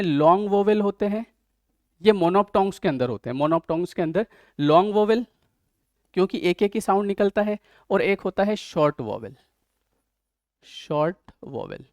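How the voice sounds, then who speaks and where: A man with a high voice and an Indian accent teaches an online exam-prep lesson, recorded with no echo. He walks through the material step by step and keeps checking that his students are following.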